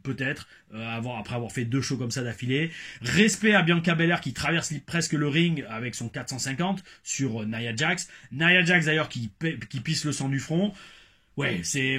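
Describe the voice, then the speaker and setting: A man reviewing wrestling in a casual vlog, a former wrestler talking in an animated, digressive way with emphatic asides. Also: medium pitch, moderate pace.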